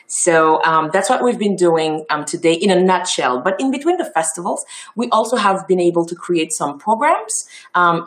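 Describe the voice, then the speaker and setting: Haitian-accented woman giving a casual talk. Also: on the low side. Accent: Haitian French and Creole. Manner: warm, chatty, many ums and restarts. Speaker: festival founder giving a talk.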